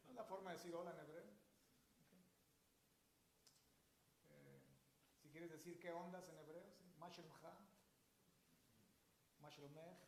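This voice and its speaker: A man's voice: a little high, steady tone, unhurried, long pauses, echoey room, slight background noise. A man preaching a sermon as pastor, emphatic and explaining Hebrew words to his congregation. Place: church sanctuary.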